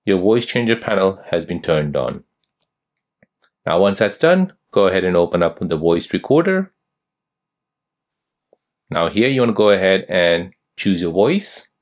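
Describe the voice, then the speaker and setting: A young man narrating a step-by-step phone tutorial as host, giving steady instructions. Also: deep voice.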